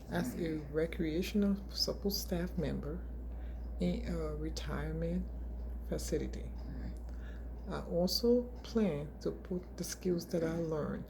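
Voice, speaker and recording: A woman's voice: low voice, gravelly, background noise. A woman from Liberia in her forties, a graduate student reading a class presentation from slides with small restarts.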